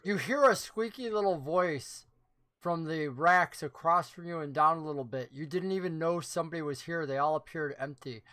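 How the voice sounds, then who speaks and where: A woman's voice: deep voice, normal speed, fairly bright tone. A woman acting as game master, narrating a tabletop fantasy game in an improvised, conversational way.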